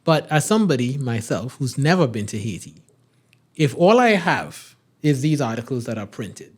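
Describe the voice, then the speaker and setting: Man, from Trinidad, podcast host, medium pitch, halting rambling questions, lots of fillers. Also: sing-song, husky. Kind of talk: podcast interview.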